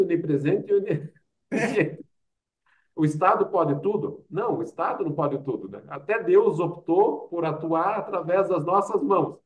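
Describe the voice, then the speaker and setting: A doctor and public health expert with a Brazilian accent appears as a guest in a conversational interview, telling anecdotes and making his points through rhetorical questions and quoted asides. His voice is a little high with a darkish tone, picked up by a distant mic.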